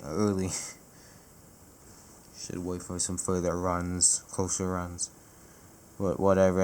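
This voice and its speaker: Young man, deep voice, profane, casual weather-vlog chat full of self-corrections. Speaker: amateur weather vlogger.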